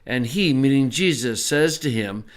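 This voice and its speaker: A man teaching a Bible lesson in a relaxed, conversational way, with small asides as he explains. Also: medium pitch, unhurried.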